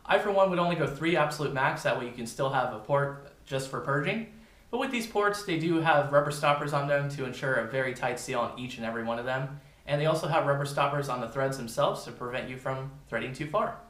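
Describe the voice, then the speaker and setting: A man's voice: mid-range voice, a little fast, fairly bright tone, roomy sound. A man giving a casual, informal product review, talking directly to his viewers. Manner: informal, addresses viewers as "you guys".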